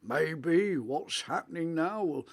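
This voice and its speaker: An old actor playing a gravelly grumpy grandfather. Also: on the high side, lively intonation, exaggerated voice. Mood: reminiscing. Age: 80s. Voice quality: rich melodious voice. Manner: rambling, reminiscing, with halting restarts. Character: grumpy elderly grandfather on a video call. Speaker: actor in a radio monologue. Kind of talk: radio drama monologue.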